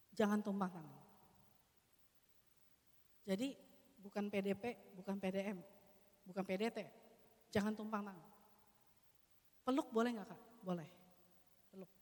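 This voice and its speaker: A woman's voice: medium pitch, measured pace, long pauses. A woman leading a church training session for children's ministry teachers, talking casually and acting out prayers and little scenes as she demonstrates. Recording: long reverb of a hall.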